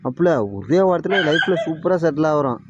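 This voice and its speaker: A man's voice: fairly high pitch, fairly quick, highs cut off, very noisy. A young man with a Tamil Nadu village accent in a casual comedy skit, talking in a coaxing, persuasive way.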